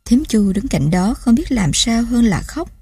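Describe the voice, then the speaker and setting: A woman narrating a novel as an audiobook, in steady, emotive storytelling on a close mic. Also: a little high, a little slow, husky, no room sound. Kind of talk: scripted narration.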